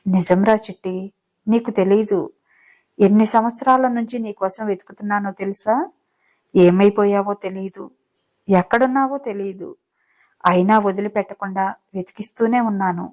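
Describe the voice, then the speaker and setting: A doting young husband from a romance audiobook, rich and teasing, who coaxes his bride with tender, playful words, as a woman narrator reads his lines. His voice sits at an ordinary middle pitch, close to everyday speech. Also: steady tone, moderate pace, pauses often, darkish tone, natural voice. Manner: affectionate, playful coaxing. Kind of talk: audiobook character reading.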